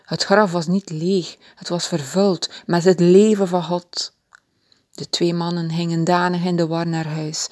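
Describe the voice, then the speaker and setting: A woman reading a children's Bible story aloud in a gentle, expressive way. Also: on the low side, measured pace, no echo, clean studio sound.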